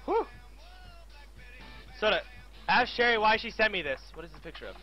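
A man streaming a game live, chatting casually, bossing his viewers around with excitable, profane outbursts. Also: high voice, normal speed, muffled recording, soft background music.

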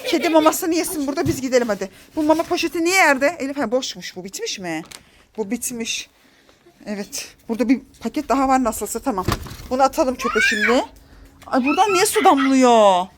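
High, lively mother scolding and coaxing. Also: brisk, background noise. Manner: coaxing and scolding, laughing often. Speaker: mother filming her children. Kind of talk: casual family vlog. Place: outdoor garden.

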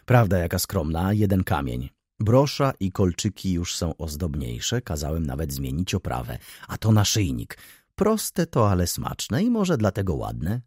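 A fussy, talkative graying baron, read by a man, ceremonious and eager to please. The voice sits low and slightly husky, with a lively, swinging pitch. It sounds close and dry, with no room echo. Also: unhurried, full character voice. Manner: talkative, ceremonious, addresses listener as "panie".

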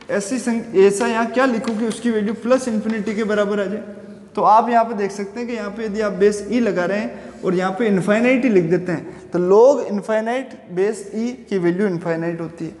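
High-voiced man teaching physics, echoey room. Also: darkish tone. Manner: explains step by step with questions to students; chants Sanskrit verses slowly. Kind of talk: classroom lecture.

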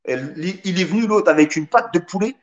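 A man's voice: high-pitched, fairly quick, muffled recording. A man hosting a live radio show, joking and teasing while reading out the chat. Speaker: radio host.

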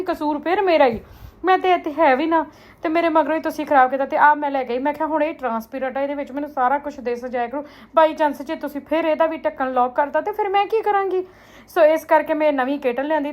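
A woman from India talks to her viewers in a high, rapid voice. Her vlog delivery is casual and chatty, as if confiding household stories to close girlfriends. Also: a little mellow. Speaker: vlogger.

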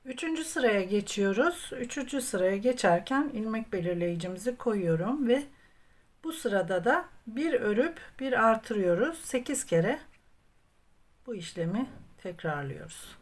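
Speaking at a medium pitch, a little slowly and with plenty of expression, a woman hosts a crochet tutorial, describing each step while she works. She calls her viewers friends and counts stitches out loud, over a clean background with room ambience.

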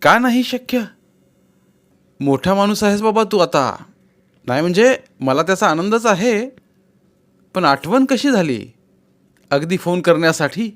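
A man's voice: sits high, sing-song, unhurried, pauses often, a bit bright, pitched above the performer's own voice, full character voice. A man voicing a wary, educated younger man who answers his friend's offers with surprise and doubt in a read-aloud novel. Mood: wary, doubtful.

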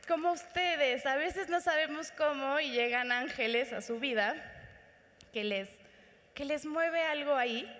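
A woman with a Mexican accent telling an inspirational story to an audience at a conference. She speaks in an animated way and talks straight to the listeners. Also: sits high. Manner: animated, addresses audience directly. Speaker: motivational speaker. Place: conference hall. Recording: reverberant conference hall.

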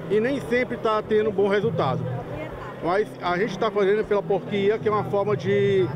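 Older man, teacher explaining, restarts often, high voice, heavy background noise. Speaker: teacher presenting a school project. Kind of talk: interview at a science fair. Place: large covered outdoor hall at a fair. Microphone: handheld reporter mic. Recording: loud crowd and traffic noise outdoors.

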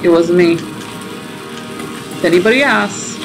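A woman with a fairly low voice speaks slowly, giving casual playthrough commentary as a game streamer, chatting and thinking aloud. The low-quality recording has game music behind her.

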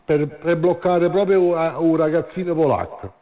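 A man comes through a narrow, tinny phone line as a caller on a live show. He talks in halting bursts, repeats himself and fills gaps with "eh". The line sounds thin and lo-fi, like a mobile phone call. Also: a little high, fairly even intonation. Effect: heard over a phone line. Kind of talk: phone-in chat about football. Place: calling in to a live radio show.

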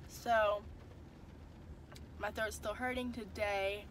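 Congested and worn out, the young woman rambles to a phone camera at arm's length while parked in her car, chatting casually as a family vlogger. She speaks slowly in a steady, mid-range voice with a bit of brightness, and there's a little hiss or hum.

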